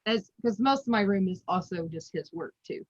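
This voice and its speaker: A woman's voice: medium pitch, expressive, moderate pace, dry recording. A woman in her thirties chatting casually as an interview guest, laughing often between her thoughts, heard over a video call. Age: 30s. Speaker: guest collector. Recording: muffled, dry.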